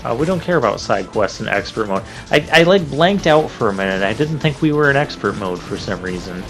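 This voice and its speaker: Chatty and informal, a man thinks aloud during a let's play of a video game, with game music and crashing effects in the background. His medium-pitched voice is expressive and fairly quick.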